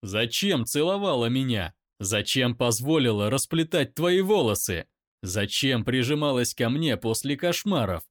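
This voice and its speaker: A man playing an angry young man who shouts back in his own defense. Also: mid-range voice, measured pace, few pauses, no echo, clean studio sound, natural voice.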